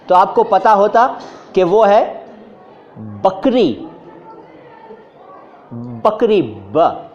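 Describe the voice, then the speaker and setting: A man teaching Hindi and Urdu pronunciation in a lively lecture, drawing out syllables slowly and joking with his students. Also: high-pitched, highs cut off. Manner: demonstrates sounds slowly, repeats syllables, jokes with students. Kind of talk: lively classroom-style lecture.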